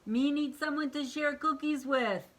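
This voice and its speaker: A woman voicing a greedy childlike cookie-loving monster, speaking slowly and drawn-out. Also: high-pitched, pitched above the performer's own voice, close to an everyday voice. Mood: eager. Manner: slow, drawn-out, pleading.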